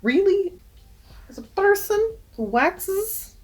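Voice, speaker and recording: A woman's voice: very high voice, sing-song, slow pace. A young woman who works as a waxer, giving casual, emphatic advice with jokey asides in a vlog.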